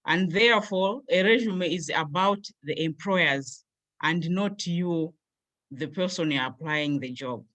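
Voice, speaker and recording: Woman from Malawi, young adult, online workshop presenter, steady explanatory delivery, lists points in order, video call sound. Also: lowish voice, unhurried. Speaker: workshop presenter, graduate student.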